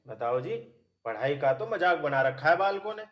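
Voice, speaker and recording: An actor playing a stubborn, cheeky young village husband with a Haryanvi accent, loud and quarrelsome with quick comic retorts. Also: male voice, a little high, expressive. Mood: lecturing. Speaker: comic lead in a village film.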